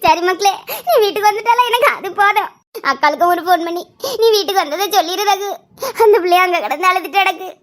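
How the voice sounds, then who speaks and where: Woman playing a worried mother, very high voice, pleading, tearful. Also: fast. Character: anxious village mother, fretting over her son.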